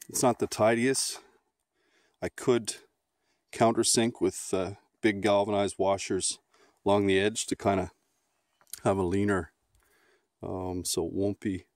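A middle-aged man giving a halting, plain-spoken how-to walkthrough outdoors, with frequent ums and restarts. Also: fairly low pitch, steady tone, darkish tone, no room sound. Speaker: outdoor vlogger. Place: outdoors on a grassy lawn beside a canoe.

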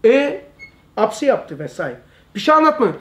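A man's voice: very high-pitched, sing-song, moderate pace. A man giving an informal religious lesson, emphatic and repetitive, often calling his listeners brother. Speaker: religious study teacher.

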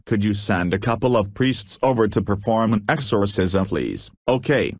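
A stern cartoon father, voiced by a synthetic man, speaks in a lowish, stilted and formal way. The sound is very dry, with the sentences neatly laid out. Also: lively intonation, moderate pace, dry recording. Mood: matter-of-fact. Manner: formal, stilted text-to-speech delivery. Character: exasperated cartoon father, stern but reassuring. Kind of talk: animated cartoon dialogue.

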